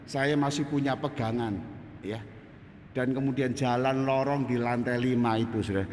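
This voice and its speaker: A male preacher delivers a sermon as animated storytelling, often calling the congregation "saudara". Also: medium pitch, moderate pace, slight background noise. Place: chapel. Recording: reverberant chapel, faint ambience.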